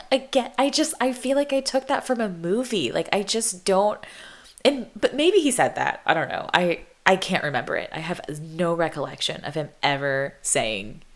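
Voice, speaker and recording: Low-voiced young woman, rambling storyteller. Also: lively intonation, moderate pace. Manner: rambling, self-interrupting, laughs between thoughts; heavy use of "like" and "um". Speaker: podcast host. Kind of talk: casual storytelling monologue.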